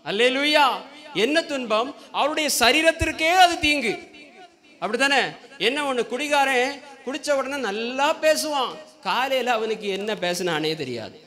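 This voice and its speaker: A man's voice: very high voice, animated, measured pace, pushed and bright. A man preaching a Sunday sermon in a church, often asking the congregation questions and prompting them to call back. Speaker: pastor.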